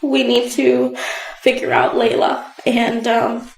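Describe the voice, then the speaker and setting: A shaky, nervous woman giving halting, emotional courtroom testimony as a witness, close to tears. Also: fairly high pitch, level tone, creaky, a little hiss or hum. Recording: echoey courtroom sound.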